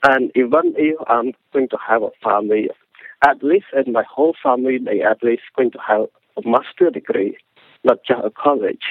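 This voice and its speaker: Guest author, Cambodian accent, earnest and halting, tinny phone-line sound. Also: male voice, medium pitch, husky, dry recording. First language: Khmer. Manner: earnest, halting with restarts and non-native grammar. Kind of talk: interview answer.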